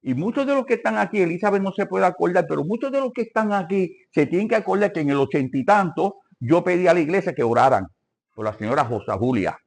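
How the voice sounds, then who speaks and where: Animated older man teaching. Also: high voice, fast talker, creaky. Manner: animated, questions the congregation and calls for amens. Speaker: Bible lesson teacher. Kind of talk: church Bible lesson. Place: church.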